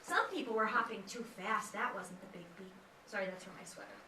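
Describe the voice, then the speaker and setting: Bright and forceful in tone, this woman's medium-pitched voice moves fairly quickly while she chants and sings simple melodies for a kindergarten music lesson, coaxing the children in a sing-song way. Recorded in an echoey indoor classroom from far away, with a little hiss or hum.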